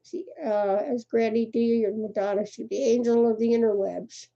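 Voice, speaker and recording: Chatty older lady on a live stream, kinda high voice, raspy edges. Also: flat delivery, normal speed, dark tone. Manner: chatty, laughs often, greets viewers by name. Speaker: crochet livestream host. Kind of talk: casual live chat. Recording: muffled lo-fi livestream audio.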